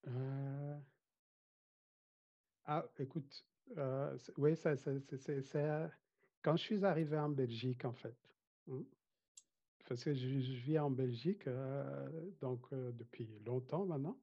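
A man raised in Rwanda speaking Kinyarwanda talks casually as a guest in an interview, in a warm, mid-range voice at a slow pace. He's hesitant, frequently laughs, and restarts his sentences a lot, captured in dull lo-fi sound.

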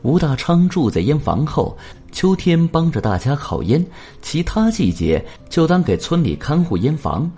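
A man's voice: on the high side, sing-song, normal speed, dark tone, breathy edge. A man narrating a story expressively, shifting into voices for the characters.

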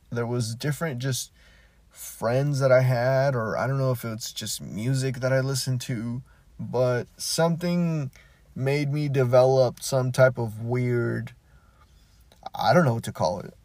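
This solo podcast host talks from his parked car in a relaxed, rambling style, frequently starting over mid-thought; Spanish is his native language. The recording carries no room sound, and his medium-pitched voice has a slightly mellow quality.

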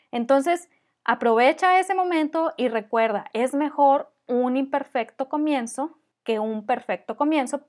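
Upbeat woman podcast host. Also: sits high. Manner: encouraging, conversational, builds points with repeated phrases. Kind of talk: solo podcast advice talk.

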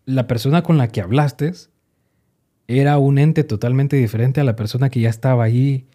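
Mellow-voiced male interviewer. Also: mid-range voice, fairly even intonation. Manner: halting, repeats words while forming a question. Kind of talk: conversational interview questions.

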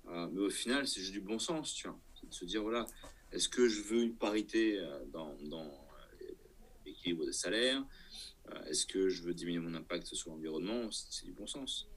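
A man's voice: low voice, animated, normal speed, breathy edge. A man talking casually in an interview as an entrepreneur, hesitating and thinking aloud, often checking that the listener follows. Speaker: entrepreneur guest.

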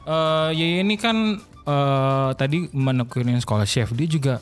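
A man's voice: mid-range voice, normal speed, loud music behind the voice. A young man, chatting casually and jokily as a podcast co-host. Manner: jokey, playful. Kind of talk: casual chat.

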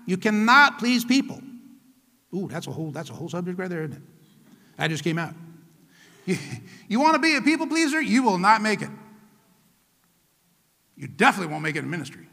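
A man's voice: high-pitched, sing-song, a little fast, gravelly, pauses often, pushed and bright. A man preaching a sermon as pastor, emphatic and rousing, calling out to his congregation. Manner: emphatic call-and-response preaching. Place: church. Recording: church hall reverb.

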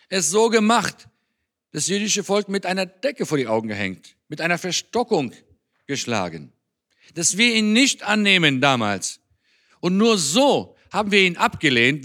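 A man preaching in a church with a fairly high, bright voice. He talks to the congregation in an earnest, conversational way, as if chatting with them. His tone is forceful and clear. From Germany. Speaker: speaker on Israel at a church. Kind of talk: sermon.

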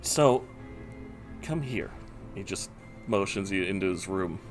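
A man's voice: low voice, normal speed, music in the background. A man playing a tabletop game, joking and wry. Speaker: player. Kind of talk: casual tabletop game talk.

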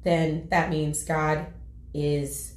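A woman's voice: low-pitched, extremely slow. Emotional chatty woman in a roomy space. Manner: emotional, animated storytelling with lots of "like". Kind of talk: casual chat. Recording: roomy, echoey sound.

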